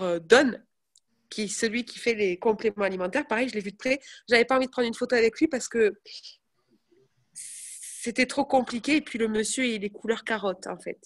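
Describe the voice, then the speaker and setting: A young woman chatting casually to her viewers, telling animated stories. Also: on the high side. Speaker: network marketing presenter. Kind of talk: casual live chat.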